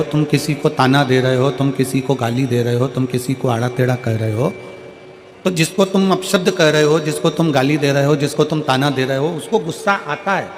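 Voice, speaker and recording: A man from central India preaching a devotional sermon to a live crowd, repeating each point and asking the listeners questions. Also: a little high. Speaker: religious storyteller. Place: large live religious gathering. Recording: long reverb from a large venue PA with music behind.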